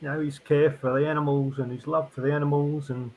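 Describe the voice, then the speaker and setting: Middle-aged man, podcast guest, slightly raised pitch, rambling, halting delivery, lots of ums and restarts. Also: level tone, phone-quality sound, a little hiss or hum. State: tearful. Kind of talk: reflective conversational interview.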